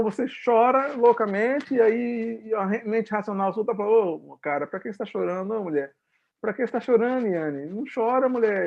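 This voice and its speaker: Speaking in a high register over lo-fi sound, a Brazilian Portuguese-accented man gives medical students an online talk on leadership as a guest lecturer. His style is conversational, and he acts out examples and asks his audience questions.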